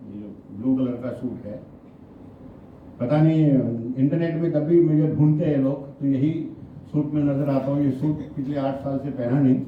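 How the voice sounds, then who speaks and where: A man's voice: on the high side, a little hiss or hum. A man from Kerala giving a talk to a live audience, asking them questions and mixing English into his Hindi. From Kerala, India. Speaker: motivational speaker and trainer. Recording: echoey distant hall recording, muffled.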